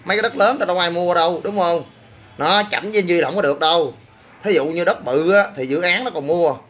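A man's voice: high voice, quick pace, fairly bright tone, husky. A man with a Southern Vietnamese accent, a gym owner chatting casually on a livestream and answering comments with boastful, crude banter.

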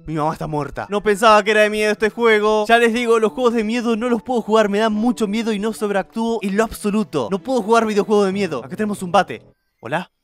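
A man's voice: sits high, quick pace, faint music behind. A young man with a Rioplatense Spanish accent commenting nervously on a horror game, yelping at the scares. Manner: jumpy, nervous, yelps at scares. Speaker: gameplay streamer.

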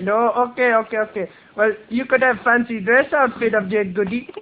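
Over a tinny phone connection with a little hiss or hum, a man pranks someone by impersonating a pushy, brash foreign carpet seller speaking broken English. His voice is pushed up to a very high, steady pitch, and he rattles off an insistent, rude, rapid sales pitch.

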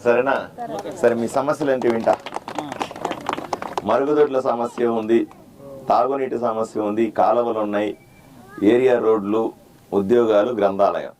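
A man, a doctor running for office, giving a repetitive, plain-spoken campaign speech that quizzes the crowd and demands loud answers. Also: mid-range voice, fairly even intonation, moderate pace, pauses often, a little hiss or hum. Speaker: political candidate and doctor. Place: outdoor neighborhood gathering.

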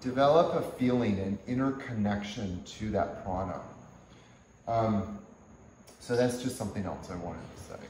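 A man with a fairly low voice leads a workshop-style yoga lecture. He explains things gently and unhurriedly, often chuckling as he goes. The room around him is echoey, with a faint hum in the background. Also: recorded from a distance. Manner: gentle, unhurried teaching talk with frequent chuckles. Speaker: yoga teacher. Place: teaching hall at a yoga retreat center.

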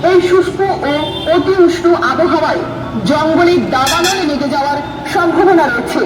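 High voice through a megaphone. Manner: slow, measured, declaiming. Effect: through a megaphone loudspeaker. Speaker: police public announcer. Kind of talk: formal public service announcement. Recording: distant echoey loudspeaker with music.

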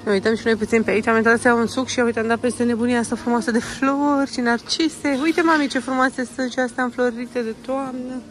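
A woman's voice: a little high, fairly even intonation, few pauses. Chatty mother vlogging through a mall. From Romania. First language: Romanian. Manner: chatty, coaxing and patient with her child, mixing in English phrases. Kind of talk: casual walking vlog, talking to camera and child. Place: indoor shopping mall.

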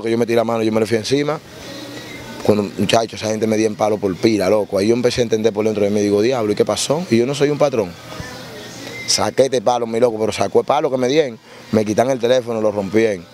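A man, recounting his life on the street and in prison in a casual interview, acting out voices as he tells it. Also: medium pitch. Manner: animated storyteller, acts out voices in his tales.

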